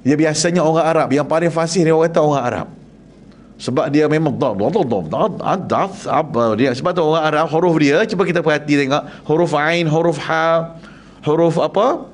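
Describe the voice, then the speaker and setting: A man with a Malaysian Malay accent teaching Quran recitation to a class in a prayer hall, lively and jokey, quizzing his listeners and demonstrating Arabic sounds. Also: fairly high pitch, a little fast.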